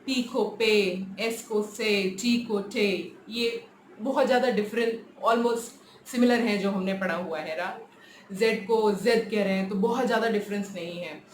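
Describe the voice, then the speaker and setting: A woman's voice: mid-range voice, unhurried. A woman teaching a beginner French lesson online, explaining patiently, mixing in English phrases and often checking with "right?". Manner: mixes English phrases into her speech. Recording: echoey room with faint ambient noise.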